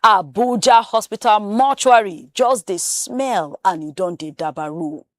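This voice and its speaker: A woman's voice: medium pitch, dry recording, clean studio sound. Nigerian woman reading Pidgin headlines. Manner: brisk, animated headline reading with emphatic rises. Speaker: newspaper review presenter. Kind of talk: Pidgin news headline review.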